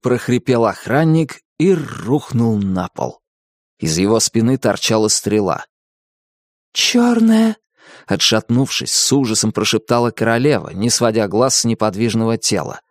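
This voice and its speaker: A man narrating a storybook with expressive storytelling. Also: lowish voice, normal speed, no echo, studio quality. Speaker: audiobook narrator. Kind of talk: scripted narration.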